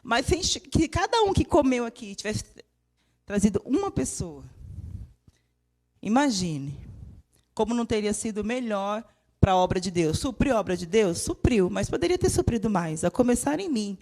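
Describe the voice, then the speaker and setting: Young Brazilian woman preacher, lively and emotional, in a church. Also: medium pitch, moderate pace. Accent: Brazilian Portuguese. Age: young adult. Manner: lively and emotional, with laughter and mimicked voices. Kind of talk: sermon.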